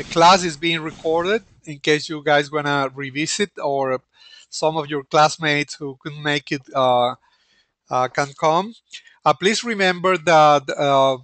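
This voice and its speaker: Male instructor for an online lecture, halting delivery, slightly high bright voice, dry close sound. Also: dry recording. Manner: hesitant, many pauses and restarts.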